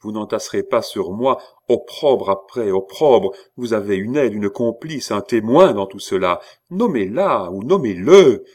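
A man's voice: fairly low pitch, a little slow, few pauses, darkish tone. A man voicing a proud, scornful queen. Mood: furious. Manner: vehement, scornful, rising to outbursts. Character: proud, indignant queen, woman. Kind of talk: audiobook reading.

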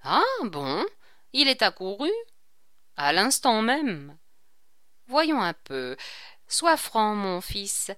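A woman's voice: medium pitch, very animated, drawn-out words, pauses often, fairly bright tone, dry recording, clean studio sound, heavily acted. A woman reading aloud, voicing a sly, mocking male court jester who teases with ironic questions. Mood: teasing.

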